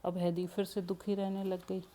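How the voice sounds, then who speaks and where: A woman's voice: medium pitch, little pitch movement, normal speed, dark tone, a little hiss or hum. A woman telling a children's story expressively, with English words mixed in. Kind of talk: storybook narration.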